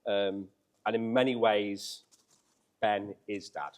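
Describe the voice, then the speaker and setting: A man delivering an informal wedding speech in a halting way, with pauses, recorded live at a reception. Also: on the low side, steady tone. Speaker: wedding speaker, brother of the groom. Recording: noisy live event recording with clicks.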